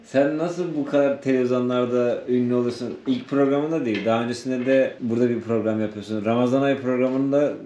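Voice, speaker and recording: A man's voice: mid-range voice, steady tone, a little fast, hardly any pauses, dark tone, slight background noise. A man from Turkey hosting a travel vlog in casual, chatty, familiar talk. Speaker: travel vlogger host.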